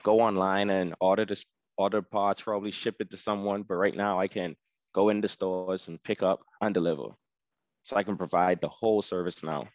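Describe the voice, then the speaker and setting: A man who owns a freight delivery business talks about his work as a guest in a casual interview, easygoing and conversational, often saying "you know." His low-pitched voice has fairly even intonation and a slightly fast pace, and the audio is dull with no echo.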